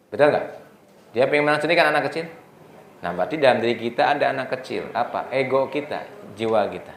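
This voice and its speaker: A man's voice: medium pitch, echoey room. A man preaching to a gathering of mothers. He keeps asking the audience questions and answers them himself. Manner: acts out tearful prayers in a soft, hushed voice. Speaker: preacher at a mothers' study circle. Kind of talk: religious lecture to women.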